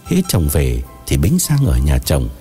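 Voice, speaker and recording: A man narrating an audiobook in an expressive, dramatic storytelling manner. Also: very deep voice, a little slow, soft background music.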